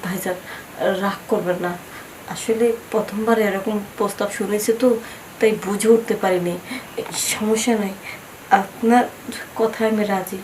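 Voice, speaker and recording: A woman's voice: medium pitch, fairly even intonation, normal speed, long pauses, darkish tone, close to an everyday voice. An actress playing a worried village wife in debt, pleading politely with her lender. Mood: anxious. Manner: pleading, polite, addresses him as brother. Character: indebted village wife, anxious then defiant. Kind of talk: TV drama acting. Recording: distant mic with faint noise.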